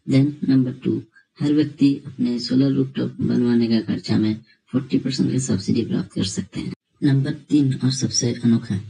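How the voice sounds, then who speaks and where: Over a low-quality recording, a male tutorial presenter with a medium-pitched voice, vocal fry, and a breathy edge steadily walks viewers through filling in an online form. He addresses them as friends while explaining each step.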